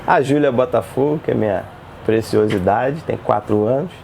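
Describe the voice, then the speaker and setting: A man, telling lively personal stories in a casual interview. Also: medium pitch, normal speed, vocal fry, a little hiss or hum. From Brazil. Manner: animated, acts out dialogue in his stories.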